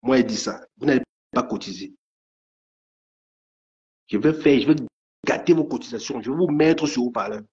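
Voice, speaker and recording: A man's voice: medium pitch, moderate pace, pauses often, darkish tone. A man ranting angrily on a live stream, stammering and repeating his threats. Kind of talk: angry live rant. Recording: dull lo-fi stream audio.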